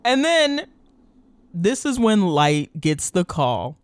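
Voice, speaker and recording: A podcast co-host in loose, casual chat, full of slang and "like". The pitch swings widely from line to line. The voice is close and dry, with no room sound. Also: slow, smooth, no room sound. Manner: animated, slangy, lots of "like".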